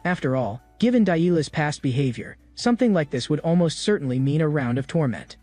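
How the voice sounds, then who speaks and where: A man narrates a comic-story recap in a steady, even reading. His voice sits a bit high and sounds dry and close to the mic. Quiet background music runs underneath. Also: fairly quick, no room sound.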